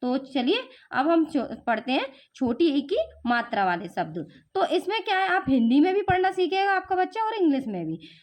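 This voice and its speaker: Young woman, high voice, patient teacher, stretches syllables, coaxing questions for a child. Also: big pitch swings, moderate pace, few pauses. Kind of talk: home spelling lesson for children.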